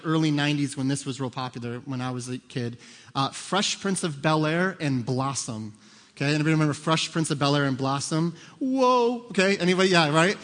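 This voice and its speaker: There's a long reverb from the church auditorium where a man in his thirties, a pastor, gives a chatty sermon. He jokes with and quizzes the congregation in a voice on the high side and a bit bright.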